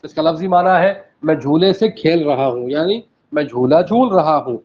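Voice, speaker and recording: A man's voice: fairly high pitch, lively intonation, darkish tone. A male teacher giving a classroom language lesson, explaining each word step by step, repeating phrases and checking in with his students. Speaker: Arabic teacher. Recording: dull lo-fi classroom recording.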